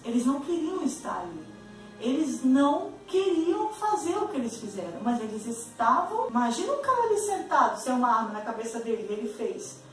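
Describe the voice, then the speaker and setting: Chatty high-voiced woman in an echoey room. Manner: chatty, repetitive fillers, acts out quoted voices. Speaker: host. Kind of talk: casual storytelling explainer. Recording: echoey room, far from the mic, faint music.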